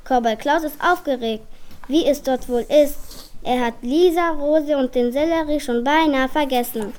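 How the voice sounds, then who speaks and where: A woman reading a children's story aloud with lively, clear storybook delivery. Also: high voice, slight background noise.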